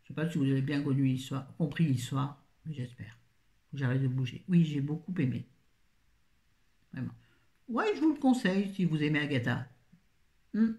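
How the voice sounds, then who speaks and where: A woman's voice: deep voice, animated, moderate pace, long pauses, mellow. Chatty woman reviewing books. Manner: chatty, rambling, self-correcting, jokey asides. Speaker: book reviewer. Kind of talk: casual book review chat.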